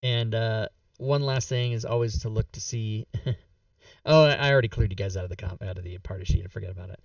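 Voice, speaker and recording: Wrapping up a tabletop game stream, a man with a fairly low voice chats casually and rambles fairly quickly, full of fillers as he loses his voice. The mic sounds dull, dry, slightly distant, and without echo.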